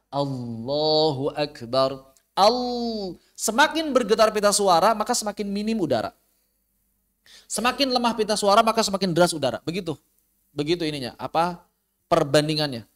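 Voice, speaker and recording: A man teaching tajwid in an online class, explaining pronunciation patiently and demonstrating it with slow, drawn-out recitation and repeated syllables. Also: sits high. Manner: patient, repeats sounds and syllables many times. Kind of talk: online Quran recitation lesson.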